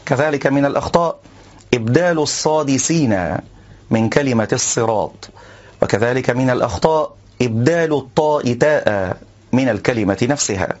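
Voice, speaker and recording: A man teaching the correct recitation of a verse, explaining calmly and then reciting examples slowly and deliberately. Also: medium pitch, muffled recording. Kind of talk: instructional lesson with slow recited examples.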